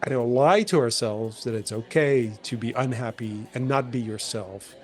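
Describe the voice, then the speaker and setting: A man's voice: medium pitch, normal speed. Rambling male podcast host. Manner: rambling, many restarts, animated. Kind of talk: casual conversation.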